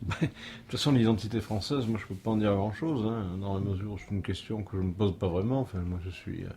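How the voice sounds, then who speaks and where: A man's voice: on the low side, fairly even intonation, fast, warm tone, a little hiss or hum. A middle-aged man from France answering an interview question at length, thoughtful and hesitant, with many fillers and restarts. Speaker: interviewed religious teacher.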